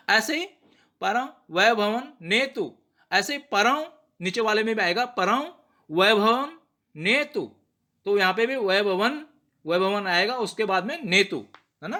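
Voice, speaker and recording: A man giving a patient pronunciation lesson, sounding out words slowly and checking in with rhetorical questions. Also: sits high, bright, forceful tone. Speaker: teacher of prayer pronunciation. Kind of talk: explanatory lesson.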